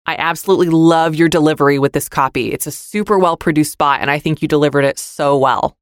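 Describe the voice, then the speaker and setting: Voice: mid-range voice, fairly even intonation, fast talker, smooth, dry recording. Dry, friendly podcast critique voice. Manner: friendly, constructive, with fillers. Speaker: podcast host, demo reviewer.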